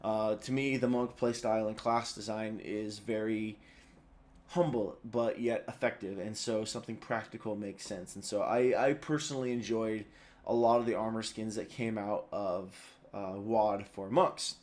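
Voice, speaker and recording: A man's voice: lowish voice, steady tone, normal speed, darkish tone. A tired man hosting a video, giving casual, rambling commentary full of fillers and restarts. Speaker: video host.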